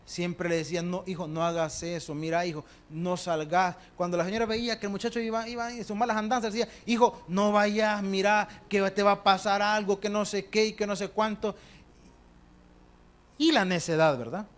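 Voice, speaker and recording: A man with a Salvadoran Spanish accent, a pastor preaching a sermon, telling stories with acted quotes and swinging between hushed and loud delivery. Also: high-pitched, fairly even intonation, moderate pace. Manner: addresses the congregation as brothers.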